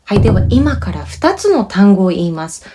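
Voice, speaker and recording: A woman with a Japanese accent giving a bilingual pronunciation lesson, explaining clearly and patiently and demonstrating words. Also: medium pitch, very animated, moderate pace, noisy background. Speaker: language teacher.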